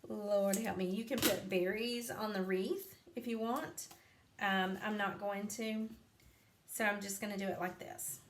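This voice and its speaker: During a live craft demo, a woman vlogger talks slowly, chatty and rambling with ums and asides, sleepy and yawning. Her mid-range voice stays steady, and the echoey room has faint background noise.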